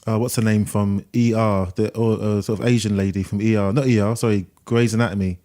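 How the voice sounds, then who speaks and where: A British man co-hosting a casual film podcast, with soft rounded R sounds and a rambling, self-deprecating manner, often searching for words. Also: fairly low pitch, steady tone, fairly quick. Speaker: podcast co-host.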